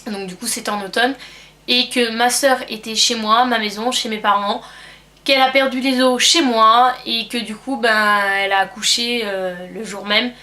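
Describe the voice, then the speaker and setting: With a cold and speaking from her home in France, this young beauty vlogger chats casually through a tag, hesitant, rambling and filler-heavy. Her voice is fairly high, steady and sharp, at a moderate pace.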